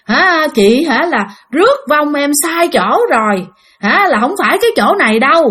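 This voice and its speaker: A woman's voice: high-pitched, expressive, normal speed, a bit bright. A woman voicing the tearful, pleading ghost of a drowned young man.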